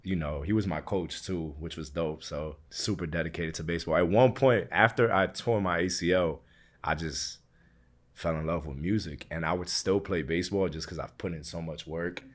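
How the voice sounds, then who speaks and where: A man of about thirty with a low-pitched voice and a Queens, New York accent. He talks casually, like an artist being interviewed. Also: normal speed. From Queens, New York, USA. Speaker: guest, hip hop artist.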